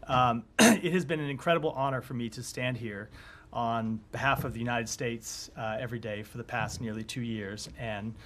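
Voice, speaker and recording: A hoarse man speaking as a government spokesperson at a press briefing, measured and given to restarts. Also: medium pitch, a bit bright. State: hoarse, coughing. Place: briefing room.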